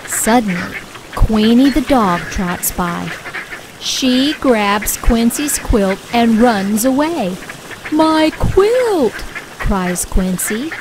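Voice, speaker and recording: A woman reading a children's picture book aloud with clear, expressive storytelling. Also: medium pitch, takes it slowly, background noise. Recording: soft music bed underneath.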